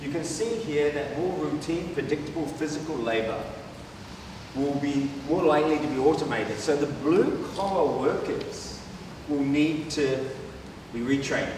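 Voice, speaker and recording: A fairly high-pitched man with a New Zealand accent talks at a measured pace during a conference presentation. He's chatty, peppering his points with rhetorical "right?" tags, and is heard from far away in an echoey hall over background noise.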